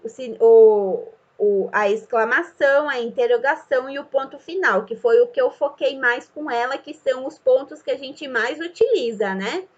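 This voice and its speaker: A young woman, a student teacher, patiently demonstrating a classroom activity and drawing out words slowly as if for a child. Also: high voice. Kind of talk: instructional demonstration. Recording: slightly dull lo-fi sound.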